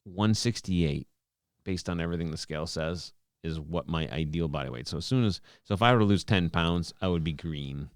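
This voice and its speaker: Podcast co-host, man in his forties, very deep voice, close dry mic, rambling explainer. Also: a little fast, smooth, no room sound. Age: 40s. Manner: rambling, explains at length with many restarts. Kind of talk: casual chat.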